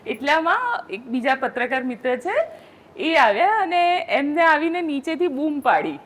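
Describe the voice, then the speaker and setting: A woman journalist recounting field-reporting stories in a casual panel chat, animated and acting out quotes. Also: sits high, moderate pace. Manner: animated storyteller, acts out quotes.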